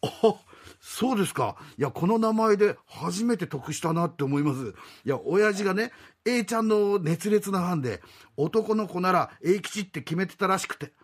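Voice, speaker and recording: A man's voice: high-pitched, expressive, normal speed. A male rakugo storyteller voicing a polite, flustered young male tenant. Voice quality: polite, increasingly exasperated.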